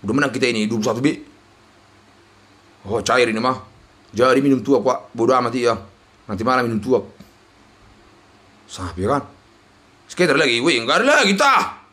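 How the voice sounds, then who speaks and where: A young man, giving loud, excited commentary on a slot game as he plays, swinging between yells and mutters. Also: mid-range voice, moderate pace, long pauses. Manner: loud, shouting and exclaiming, jumpy swings between yelling and muttering.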